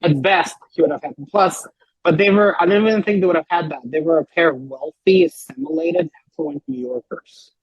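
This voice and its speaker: A man talking as a podcast guest, rambling and animated, with lots of filler words and a husky voice. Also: fairly high pitch, fairly quick, dry recording, muffled recording. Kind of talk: casual podcast chat.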